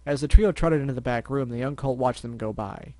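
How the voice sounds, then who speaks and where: A man's voice: medium pitch, a little fast, a little mellow, no echo. Stuffy-nosed man reading a story aloud. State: blocked sinuses, can't breathe through his nose. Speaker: fan fiction reader. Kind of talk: scripted story narration with character voices.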